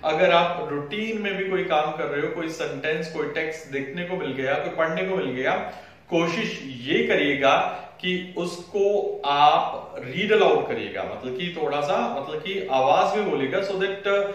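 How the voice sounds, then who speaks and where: Male tutor, mid-high voice, instructive and repetitive, very reverberant room, mic at a distance. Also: unhurried, fairly bright tone. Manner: instructive, repeats points for emphasis. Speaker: exam prep teacher. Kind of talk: explanatory lesson, mixing Hindi with English phrases.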